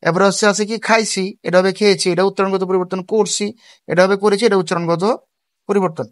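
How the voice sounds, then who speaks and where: A man's voice: high voice, little pitch movement, fast talker, no echo, clean studio sound. A man teaching a school language lesson in a casual tutorial style. He explains step by step, asks questions and then answers them himself, and mixes regional forms and English words into his speech.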